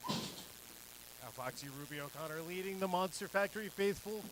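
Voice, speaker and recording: A man's voice: high-pitched, lively intonation, normal speed, noisy background. A man giving live play-by-play commentary as a wrestling commentator.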